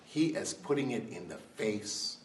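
An animated man with a low voice and measured pace delivers a heated political talk to a live crowd, full of rhetorical questions that climb to emphatic heights. The hall sounds roomy, the mic is distant, and there is faint ambience along with a little hiss or hum.

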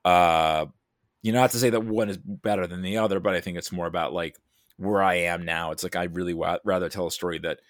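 A writer and creative producer appears as a podcast guest, chatting casually in a deep yet slightly bright voice. He rambles, puts himself down, and sounds a bit tired, recorded cleanly in a studio with no room sound.

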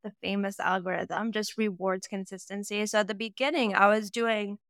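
A woman of thirty with vocal fry, chatting candidly and with self-deprecation as a guest in a casual podcast interview. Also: medium pitch, fairly even intonation, moderate pace, fairly bright tone, no echo, studio quality. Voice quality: distinctive voice. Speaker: guest, social media content creator.

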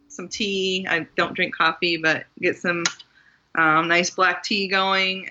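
A guest author from Maryland, USA, chats casually in an interview, laughing often and using lots of fillers. Her voice is fairly low, pushed and bright, with the highs cut off.

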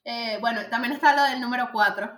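A bright, high-voiced woman in her thirties talks about a film in an animated, chatty way, full of fillers. Her voice rings out in an echoey room. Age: 30s. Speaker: podcast co-host. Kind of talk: casual film review chat.

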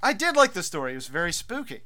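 A man's voice: high-pitched, very animated, fast, bright, forceful tone, no room sound. A man co-hosting a podcast in casual, wry, joking chat. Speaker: podcast co-host.

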